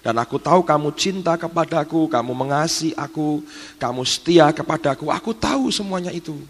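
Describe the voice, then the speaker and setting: A preacher voicing a calm, gentle male divine figure who speaks low and reassuringly. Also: fairly quick, in a large hall.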